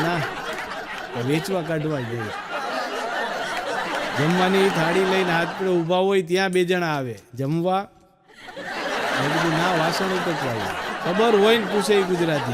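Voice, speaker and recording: Gujarati-accented guy doing standup jokes, fairly high voice, acts out the back-and-forth. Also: heavy background noise. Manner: storytelling, acting out quick dialogue. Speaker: stand-up comedian.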